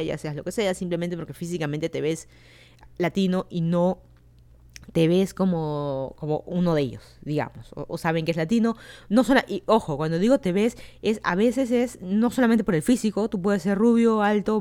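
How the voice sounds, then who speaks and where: A woman's voice: lowish voice, dark tone. A woman with a Peruvian accent, hosting a podcast and chatting in an opinionated, rambling way with plenty of asides. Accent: Peruvian Spanish. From Peru. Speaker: podcast host. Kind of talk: casual solo commentary. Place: home in Miami.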